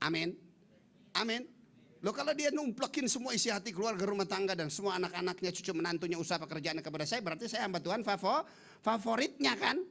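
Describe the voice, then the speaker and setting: Male pastor, comic sermon delivery with acted-out voices, raised pitch, gravelly texture. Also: fast talker, fairly bright tone. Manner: acts out quoted voices, playful asides to congregation. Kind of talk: lively humorous sermon. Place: large church hall.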